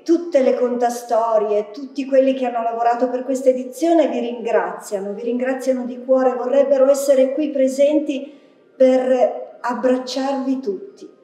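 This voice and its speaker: A woman organizer giving a closing announcement to a theatre audience, unhurried and addressing them directly. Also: high-pitched, dark tone. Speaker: festival organizer. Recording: echoey hall from far off, faint music.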